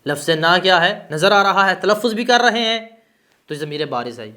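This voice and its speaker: A man teaching a grammar class in a slightly high voice. He asks a question, then answers it himself. He gives the key terms a lift in pitch. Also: expressive, sharp tone. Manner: stresses terms with rising pitch.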